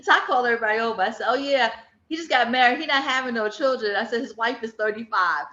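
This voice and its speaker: Casually chatting, a woman in her fifties tells stories and imitates what people said, using a slightly high, bright, forceful voice at a quick pace. Dull echo fills the room.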